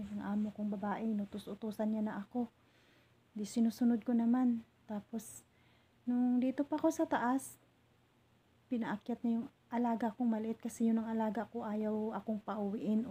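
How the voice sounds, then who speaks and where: A woman from the Philippines telling a hurtful story from her job as a domestic helper, in a halting way with many restarts. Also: a little high, mellow, husky. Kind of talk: emotional personal storytelling.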